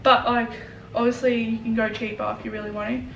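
A woman's voice: a little high, level tone, a little fast. A young woman with an Australian accent, chatting casually and informally as a vlogger. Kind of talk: casual vlog chat. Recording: echoey room, distant mic, clear noise.

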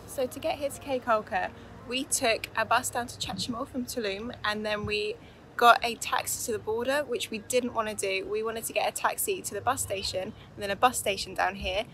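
A woman's voice: fairly high pitch, fairly even intonation, fairly quick, a bit bright, slight background noise. A woman co-hosting a travel vlog, talking in a casual, rambling way with ums, outdoors. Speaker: travel vlogger co-host. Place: outdoors, on a boat at sea.

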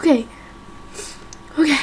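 A woman acts in an amateur game roleplay as a confused, frightened young amnesiac who is part creature and vows peace. She sounds anxious and confused, speaking in halting, self-questioning fragments with a natural, slightly mellow voice, and there's some background noise.

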